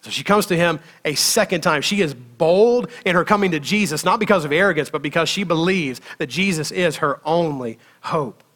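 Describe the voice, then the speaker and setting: A man's voice: a little high, normal speed, hardly any pauses. A man preaching a sermon in a conversational way, often checking in with his listeners and laughing as he tells stories. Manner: conversational, asks the congregation "right?" often; lively storytelling, laughs between phrases. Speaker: pastor.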